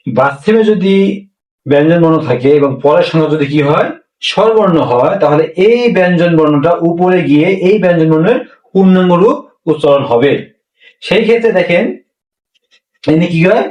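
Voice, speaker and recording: A male language teacher with a fairly high, expressive, darkish voice speaks at a moderate pace with long pauses. In this classroom lesson on pronunciation, he is repetitive and answers his own questions, heard echoey and distant through a far-off mic.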